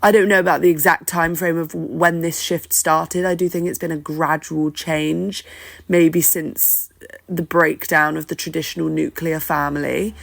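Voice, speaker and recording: Low, creaky-voiced woman thinking aloud. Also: little pitch movement, a little slow. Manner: candid, self-deprecating, hesitant, thinking aloud. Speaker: podcast host. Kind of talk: informal solo opinion talk. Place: at home. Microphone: talking into a phone, no studio.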